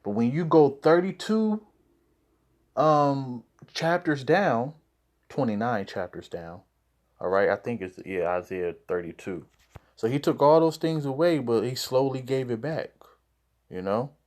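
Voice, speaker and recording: A man with a medium-pitched, darkish, expressive voice preaches informally to camera, a little slowly. He explains scripture conversationally, repeatedly checking in with "all right?" and "you know."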